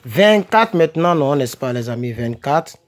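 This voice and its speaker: Against slight background noise, a man with a medium-pitched voice and lively intonation talks at normal speed. He teaches English to French speakers in a casual home-made vocabulary lesson, repeating words, self-correcting, and asking "ok?" and "n'est-ce pas?".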